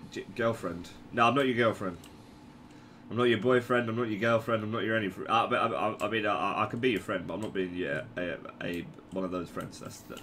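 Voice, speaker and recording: A man's voice: on the low side, sharp tone, a little hiss or hum. A man casually commenting on his own gameplay, joking and stammering through restarts.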